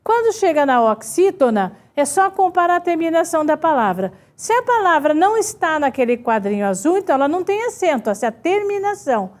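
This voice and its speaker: A woman's voice: very high-pitched, sing-song, a little fast, few pauses. A woman teacher with a Brazilian accent giving an online grammar lesson, explaining step by step and often checking in with her students. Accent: Brazilian Portuguese. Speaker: Portuguese teacher.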